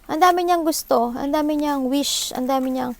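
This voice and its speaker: A woman with a high, darkish voice and a Filipino accent reads tarot live at normal speed into her own microphone. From the Philippines, she thinks aloud, mixes English into her Tagalog, and often seeks agreement with short tag questions.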